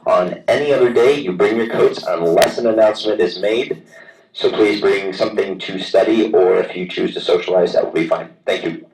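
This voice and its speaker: A man with a very low voice reads a polite, formal notice to the whole school. He comes through the intercom speaker on the classroom wall, so he sounds far away and roomy. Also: moderate pace. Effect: heard over a school intercom loudspeaker. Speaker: school staff making an announcement. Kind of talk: public address announcement. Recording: echoey loudspeaker from far off.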